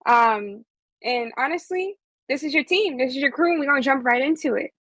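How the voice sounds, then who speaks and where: A woman's voice: high voice, animated, a little fast, a bit bright. Upbeat woman hosting a podcast. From Boston, born in Trinidad. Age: 20s. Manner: laughs often, upbeat. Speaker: podcast host and mediator. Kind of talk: casual podcast chat.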